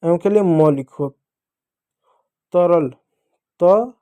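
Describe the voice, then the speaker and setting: Slow, patient teacher, higher voice. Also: male voice, dark tone. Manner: slow, patient, repeats each step. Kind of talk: spelling lesson for children.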